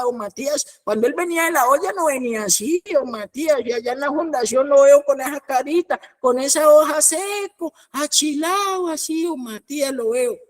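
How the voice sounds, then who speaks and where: A whining, high-pitched mother who frets over her son and pleads over and over, as a preacher puts her on in a falsetto. Her voice sits far above a man's and keeps climbing as she wails. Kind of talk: mocking impersonation in a sermon.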